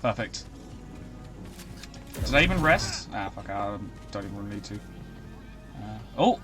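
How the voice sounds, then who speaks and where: Excitable rambling young male streamer. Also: lowish voice, measured pace, over music. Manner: chatty, rambling, excitable outbursts. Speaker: streamer playing a video game. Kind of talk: casual live-stream commentary.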